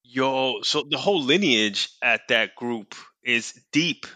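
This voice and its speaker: A man's voice: mid-range voice, animated, slow, pushed and bright, no room sound. A male host chatting casually, laid-back and conversational, often checking in with "right?". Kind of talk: casual podcast chat.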